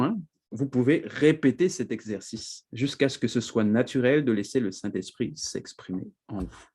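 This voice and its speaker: Male preacher, husky voice, animated teaching delivery, frequent asides to the congregation. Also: mid-range voice. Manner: animated, laughs often, repeats "d'accord?" to check in. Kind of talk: teaching sermon.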